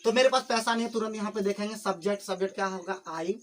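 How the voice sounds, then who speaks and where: Slow, patient male English teacher. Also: high voice. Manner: slow, repetitive explaining, addresses students fondly. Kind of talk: spoken English lesson taught in Hindi. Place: classroom with students. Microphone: filmed on camera without a microphone.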